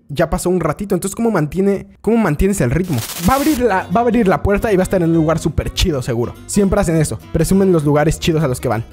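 A Mexican man talks through short clips in a loose, chatty way, his pitch leaping up and down as he reacts. He laughs often and bursts into quick exclamations. A bit of music sits faintly behind his voice. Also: darkish tone. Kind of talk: casual reaction commentary. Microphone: desk microphone.

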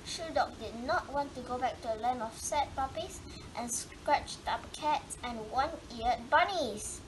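Reading a children's picture book slowly and expressively, this high-voiced woman draws out her words for dramatic emphasis. Noise is clearly audible in the home recording.

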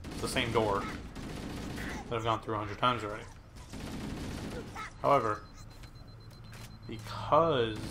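Slow-talking man commenting on gameplay. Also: medium pitch, background noise. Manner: frustrated, self-mocking running commentary with outbursts. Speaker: let's play gamer.

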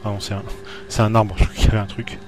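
A man's voice: on the low side, level tone, quick pace, noisy background. A man playing a horror video game and commenting live for viewers, jumpy and talking to the screen. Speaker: let's play gamer.

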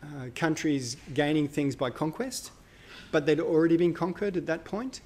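A man's voice: a little high, normal speed, a little mellow. Man lecturing casually in a hall. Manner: conversational, thinks aloud with fillers and self-corrections. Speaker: university lecturer. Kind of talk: live university lecture.

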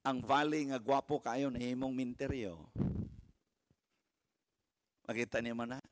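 A man in his seventies preaching a sermon as pastor, swinging from hushed murmurs to shouted exclamations and calling out for hallelujahs. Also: mid-range voice, fairly even intonation, a little slow. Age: 70s. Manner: calls for hallelujahs, mixes English phrases into preaching.

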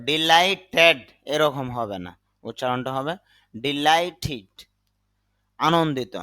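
A man teaching English vocabulary, saying each word slowly, sometimes twice, then giving its meaning. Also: fairly high pitch, bright, forceful tone. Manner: repeats words slowly, then gives the meaning. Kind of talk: slow vocabulary lesson.

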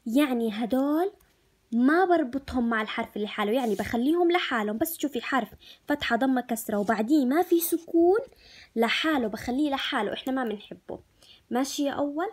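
Female grade-school teacher, husky and fairly high voice, slow drawn-out syllable drills, recorded lesson. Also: a little mellow. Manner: slow, drawn-out sounding-out of syllables, repeating questions to pupils. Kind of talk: recorded online phonics lesson.

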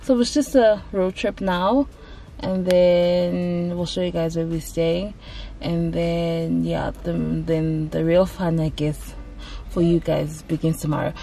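A South African woman in her thirties hosts a vlog from inside a car, chatting casually and emphatically to a camera at dashboard distance while code-switching. Her voice is low, slow, creaky, and dark, with little pitch movement, and soft music plays behind her.

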